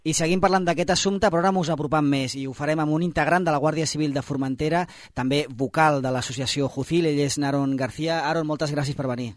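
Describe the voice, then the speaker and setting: Balearic catalan radio host, higher voice, dry studio sound. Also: male voice, steady tone, fast, hardly any pauses, no echo. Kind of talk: radio interviewing.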